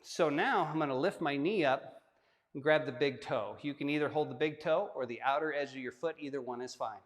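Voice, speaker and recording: Man, yoga instructor, slightly high voice, joking asides, long echoing reverb. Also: fairly quick. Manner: relaxed, joking asides while demonstrating. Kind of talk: guided yoga class instruction.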